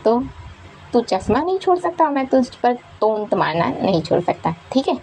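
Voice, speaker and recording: Brief: woman doing a taunting young man, bossy and rude, gravelly low voice. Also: sing-song, moderate pace, a little mellow, slight background noise. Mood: mocking. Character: rude teasing young man, quick-tempered and mocking.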